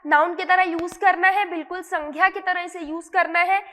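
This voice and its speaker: A high-voiced woman tutor explains word meanings, switching between Hindi and English and asking her listeners questions she answers herself. Her voice is bright and forward, and it rings out into a room with a long reverb. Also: steady tone, fairly quick. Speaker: English vocabulary teacher. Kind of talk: explanatory lesson.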